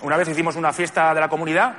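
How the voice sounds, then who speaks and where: A man from Spain doing a stand-up monologue on a theatre stage, speaking in a deadpan way and acting out the people he quotes. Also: on the high side, rapid-fire. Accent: Spanish. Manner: deadpan, lists grievances, acts out quoted people. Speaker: stand-up comedian. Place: theatre stage with live audience. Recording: stage mic with audience laughter and noise.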